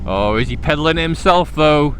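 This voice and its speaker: A middle-aged Liverpudlian vlogger talks casually to himself as he rides his motorcycle in traffic, his fairly high, slightly bright voice lively and at a normal speed. He's slangy, jokey, and pokes fun at himself, while engine and traffic sounds make the outdoor recording noisy.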